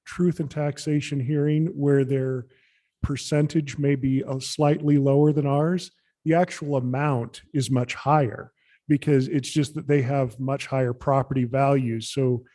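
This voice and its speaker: A man chairing a city council meeting in a measured, procedural way. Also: medium pitch, level tone, mellow.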